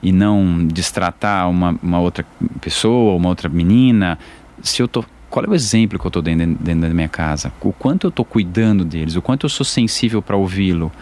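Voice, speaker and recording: A man talks fast in a deep, low register. He speaks earnestly and emphatically as a guest in a relaxed conversation, with his words coming in quick bursts. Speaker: podcast guest, father. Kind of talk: casual chat.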